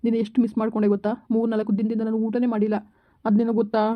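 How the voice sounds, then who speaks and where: A woman plays a young husband who coaxes and reassures his wife. The talk is very fast and level, with little rise and fall. The recording sounds slightly dull. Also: on the high side, completely flat delivery, lightly acted. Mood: reassuring. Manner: reassuring, coaxing.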